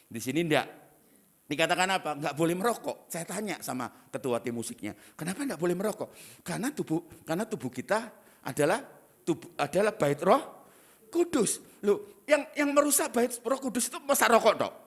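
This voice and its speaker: A middle-aged man, preaching a sermon as pastor in a lively, teasing manner with asides. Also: sits high, a little fast.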